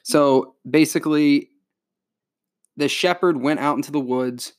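A man chatting casually on a podcast, reading out folk legends in an animated, joking way. He keeps the tone loose and playful as he tells the stories. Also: fairly high pitch, unhurried. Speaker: podcast co-host.

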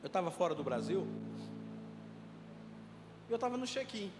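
A man's voice: high-pitched, sing-song, moderate pace. A man preaching a sermon as pastor, emphatic and calling for responses from the congregation. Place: church hall. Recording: echoey hall with music behind.

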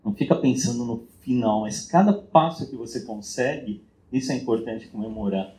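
A man's voice: mid-range voice, moderate pace, mellow. A man sharing a personal story in a group meeting, reflective and casual, with frequent filler tags and restarts. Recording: roomy echo.

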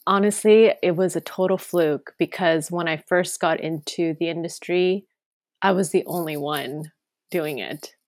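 A woman's voice: lowish voice, measured pace, dry recording, studio quality. A woman, a podcast guest chatting casually, with many fillers and restarts. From Canada. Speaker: guest, K-drama writer.

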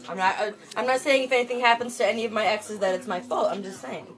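A young Michigan woman, a vlogger, chats casually late at night with music playing behind her. Her medium-pitched voice is fast and a bit bright, and she rambles and swears with plenty of fillers.

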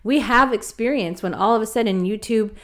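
A woman's voice: on the high side, brisk. A young adult woman co-hosting a podcast, giving advice in an emphatic, conversational way. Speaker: podcast co-host. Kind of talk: casual advice chat.

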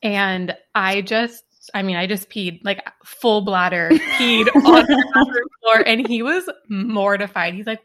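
A woman co-hosting a casual podcast, relaxed and laughing through her stories. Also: on the high side. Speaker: podcast co-host.

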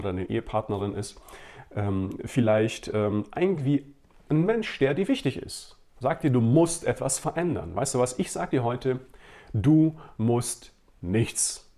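A man's voice: medium pitch, creaky, a little mellow. A male pastor giving a sermon, talking conversationally to his listeners with many fillers and direct questions.

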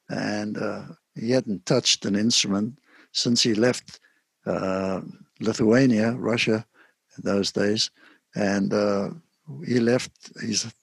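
Older man, from South Africa, husky, soft-spoken, halting, mid pitch, dry close sound. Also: dry recording. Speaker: guest saxophonist. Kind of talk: casual interview.

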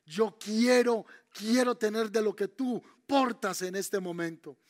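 A devoted young male disciple refuses to leave his master, earnest and stubborn, as a preacher acts him out in a sermon. The voice sits very high for a man. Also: unhurried.

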